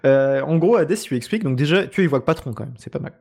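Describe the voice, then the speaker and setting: A man's voice: on the high side, lively intonation, rapid-fire, vocal fry, darkish tone. A man co-hosting, retelling things in a casual, comic, colloquial way with wry hesitations. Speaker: co-host of a film discussion.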